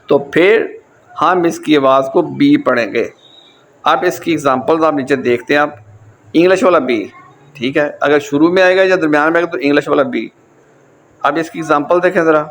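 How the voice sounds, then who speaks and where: A man's voice: fairly high pitch, slight background noise. A man with a Pakistani accent teaching a German lesson in a casual, repetitive style, going back over each point again and again. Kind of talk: casual lecture.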